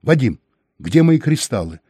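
A man's voice: mid-range voice, sing-song, a little slow, warm tone, breathy edge, dry recording, clean studio sound. A man voicing a blunt, short-tempered male explorer who grumbles curtly in an audiobook. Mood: gruff. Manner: grumbling and curt.

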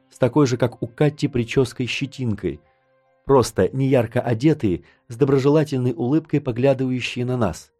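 A man narrating an audiobook in the first person, in a measured storytelling way. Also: medium pitch, dark tone.

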